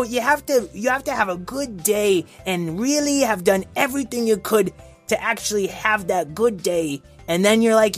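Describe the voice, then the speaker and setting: A goofy talking dog in a children's story. His tongue is too big for his mouth, so the rambling, stammering speech comes out impeded, with lively jumps in pitch. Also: creaky, exaggerated voice.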